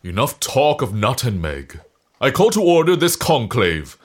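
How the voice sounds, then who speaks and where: A man's voice: medium pitch, sing-song, measured pace, slightly rough. A man playing a pompous, grandiose old-time sailor in a comedic audio drama, speaking in theatrical proclamations.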